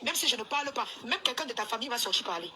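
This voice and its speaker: A woman's voice: a little high, expressive, rapid-fire, sharp tone, a little hiss or hum. Scolding woman. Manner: scolding, insistent, repeats herself. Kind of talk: angry live video rant.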